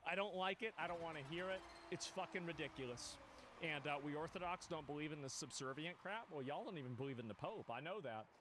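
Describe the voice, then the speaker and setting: A man's voice: a little high, animated, quick pace, noisy background. A man streamer reacting to a clip on a live stream, heated and profane, repeating himself as he rants.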